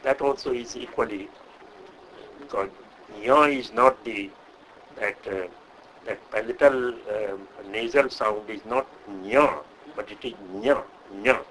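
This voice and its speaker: An older man from India with an Indian English accent, a Sanskrit scholar answering an interview question in a measured, hesitant way. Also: mid-range voice, a bit bright, a little hiss or hum, rough recording. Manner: measured, hesitant with frequent uh, lecturing.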